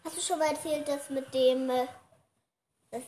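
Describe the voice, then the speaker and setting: Playful high-voiced little girl. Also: fairly even intonation, moderate pace, dark tone, a little hiss or hum. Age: child, about 9. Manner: playful, teasing, giggly. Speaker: co-host. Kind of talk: casual kids' podcast chat.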